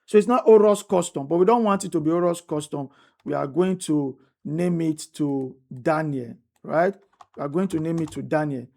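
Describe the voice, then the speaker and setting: Woman walking through a software tutorial. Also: deep voice, moderate pace, gravelly. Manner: repetitive, restates each step, asks "right?". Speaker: instructor. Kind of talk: screen-recorded tutorial walkthrough.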